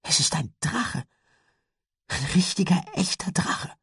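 A man's voice: high-pitched, expressive, slow pace, sharp tone, breathy edge, no room sound, studio quality, pitched above the performer's own voice, full character voice. A man doing a frightened young girl. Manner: fearful.

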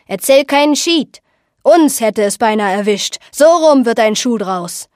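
A woman voicing a burly, quick-tempered boat skipper who scolds loudly. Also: on the high side, expressive, dry recording, clean studio sound. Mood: angry. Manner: loud, scolding. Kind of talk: audiobook reading.

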